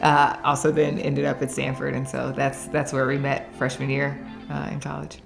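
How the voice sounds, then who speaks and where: A woman in her forties from the Dallas area of Texas gives a personal faith testimony as an interviewee. Her voice is very deep, gravelly and monotone at a normal speed, and she chats freely, laughing often and using lots of fillers while music plays in the background.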